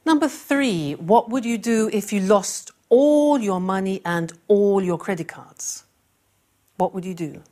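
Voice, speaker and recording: A woman teaching an English lesson, speaking clearly and repeating key phrases for learners. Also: fairly low pitch. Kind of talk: classroom lesson.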